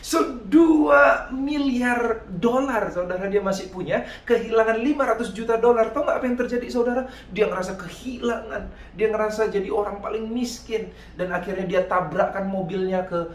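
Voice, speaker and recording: A man preaching a youth sermon in a church, lively and direct, often calling out to his listeners. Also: high voice, brisk, hardly any pauses, roomy sound, a little hiss or hum. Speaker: youth pastor. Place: church hall.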